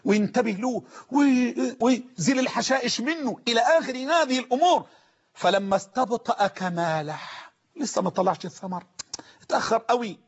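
A man with an Egyptian Arabic accent preaching a sermon, emphatic, repeating phrases and slowly drawing out quoted sayings. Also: sits high, husky. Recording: muffled lo-fi recording.

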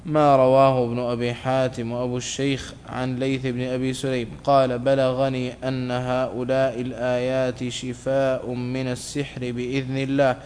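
Man reading in a flat monotone. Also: mid-range voice, a little hiss or hum. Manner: flat, measured recitation. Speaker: student reading a text aloud. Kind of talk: reading a classical religious text aloud.

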